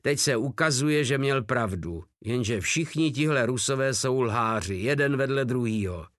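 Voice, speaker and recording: A man's voice: mid-range voice, lively intonation, fairly bright tone, dry recording, clean studio sound, natural voice. A man voicing a cocky male veteran soldier who makes crude threats. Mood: threatening.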